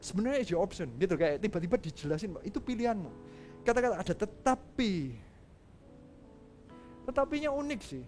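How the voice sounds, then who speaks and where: A male pastor telling a story in a sermon, lively and casual, acting out quoted lines and dropping in English phrases. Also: sits high, fairly quick, pauses often, faint music behind.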